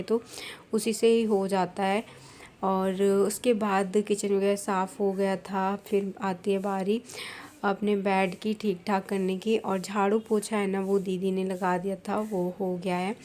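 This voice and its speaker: A woman's voice: medium pitch, darkish tone, slight background noise. Chatty Indian woman narrating chores. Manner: chatty, explains chores step by step. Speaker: vlogger. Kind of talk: casual voice-over narration.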